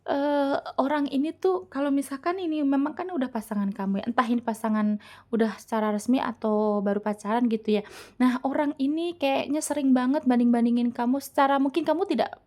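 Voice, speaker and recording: A woman talks her viewers through a tarot reading in a loose, casual way. She fills her pauses with hesitations and often starts her words over. Her voice sits a bit high, with a soft, mellow tone. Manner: chatty, many fillers and restarts, addresses viewers as friends. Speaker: tarot reader.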